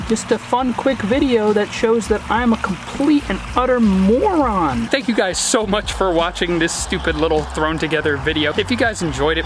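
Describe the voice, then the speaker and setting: Excitable self-mocking young man vlogger. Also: high voice, noisy background. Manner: excitable, self-mocking, yelping when bitten. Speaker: turtle-keeping video creator. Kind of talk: casual vlog talk.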